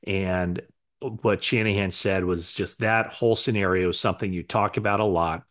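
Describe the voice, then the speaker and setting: A man's voice: low-pitched, steady tone, normal speed, fairly bright tone. A middle-aged man recapping team news to camera from a living room, speaking conversationally with fillers and self-corrections. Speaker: sports reporter. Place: living room with sofa, indoors.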